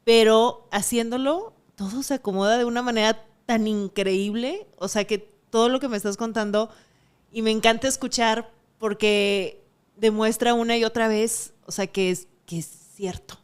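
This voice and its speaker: A woman's voice: a little high, fairly even intonation, normal speed, clear, resonant tone. A woman hosting an interview podcast, speaking in a reflective, encouraging way. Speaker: podcast host. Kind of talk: casual interview.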